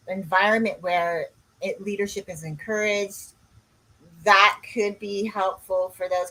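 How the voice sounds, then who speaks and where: A woman's voice: on the low side, pushed and bright, low-quality recording. A woman, a coach co-hosting a podcast in casual chat, rambling and drifting off on tangents. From Canada. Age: 60s.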